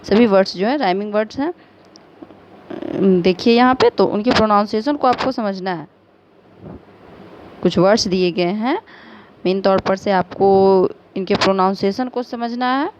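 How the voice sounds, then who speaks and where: A woman's voice: mid-range voice, unhurried, long pauses, darkish tone. A woman teacher with an Indian accent giving a recorded lesson, patiently spelling out words letter by letter and mixing Hindi with English. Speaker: school teacher. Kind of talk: recorded online class lesson. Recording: slightly dull lo-fi audio with faint noise.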